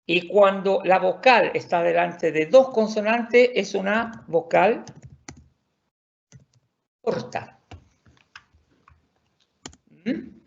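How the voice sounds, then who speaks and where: Man, online language teacher, patient, repetitive explainer; gravelly, dull lo-fi recording. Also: high-pitched, very slow, long pauses. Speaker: Swedish teacher. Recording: dull lo-fi audio.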